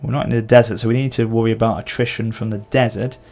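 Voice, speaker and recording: A gameplay channel host mutters to himself through casual strategy-game commentary, thinking aloud and self-correcting. He has a sore throat with occasional coughing, and his lowish, darkish voice stays level and fast.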